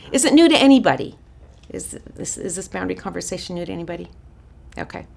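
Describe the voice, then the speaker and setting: A woman teaches a counseling class in a casual, chatty way, stopping and restarting her sentences as she goes. Her voice is raspy and gravelly, sitting a little low. A faint hum of room noise is heard behind her. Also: expressive, brisk. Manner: chatty, warm-hearted asides with frequent restarts and fillers. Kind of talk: informal teaching talk to a small group.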